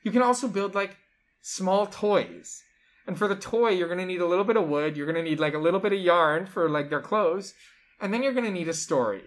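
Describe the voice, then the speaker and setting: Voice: mid-range voice, a little fast. A board game show co-host chatting casually and enthusiastically while explaining how a game's rules work. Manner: enthusiastic, chatty, lots of fillers like "like".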